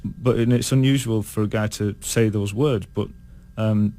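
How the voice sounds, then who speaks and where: A British man with a low, gravelly voice talks through his ideas in a relaxed interview. He speaks thoughtfully and stumbles over his words, restarting his sentences often. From United Kingdom. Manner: thoughtful, halting with many restarts. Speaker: guest singer. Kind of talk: casual interview chat.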